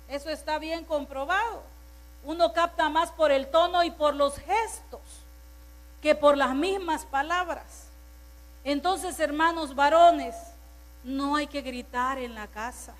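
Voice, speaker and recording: A woman's voice: sits high, takes it slowly. A woman pastor preaching a sermon to her congregation, stressing word lists and turning to the listeners with asides.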